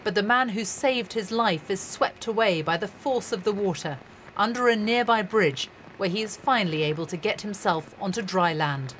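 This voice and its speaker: A woman's voice: mid-range voice, normal speed, a bit bright, slight background noise, low-quality recording. A woman reporter narrating a scripted news report in a dramatic, descriptive way.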